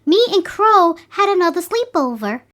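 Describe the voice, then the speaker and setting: A man's voice: very high-pitched, sing-song, moderate pace, a bit bright, pitched above the performer's own voice, full character voice. A man voicing a sweet, sassy young girl in an audio story, speaking cheerfully. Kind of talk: storybook character voice.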